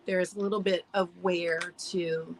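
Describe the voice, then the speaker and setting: With a lowish voice and flat delivery at a moderate pace, an American woman chats through a live online vintage sale, describing items and greeting viewers by name. She's a little hoarse from allergies and occasionally clears her throat, against background noise.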